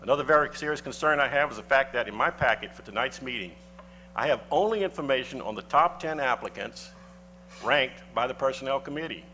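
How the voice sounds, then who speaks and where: A parish council member, a man with a mid-pitched voice, reads a prepared objection at a council meeting. His delivery is formal and deliberate, heavy with legal citations. A faint hum runs under the broadcast recording. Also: bright, forceful tone. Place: council chamber.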